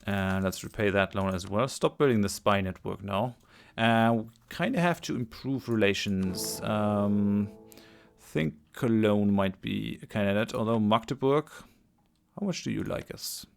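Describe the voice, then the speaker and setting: A man's voice: on the low side, unhurried, gravelly, faint music behind. A man commentating a strategy game as he plays, thinking aloud, hesitant, with many fillers and restarts, his voice tiring. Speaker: let's play host. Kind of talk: casual gameplay commentary.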